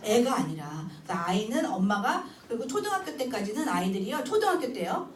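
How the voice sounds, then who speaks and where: A high-voiced, middle-aged woman lectures to a church class and acts out stories of mothers and children with lively energy. Her voice carries from a distance through an echoey hall with noticeable background noise. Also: fairly quick. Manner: animated storytelling, acting out child and mother dialogue, frequent laughter. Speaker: Bible memorization instructor.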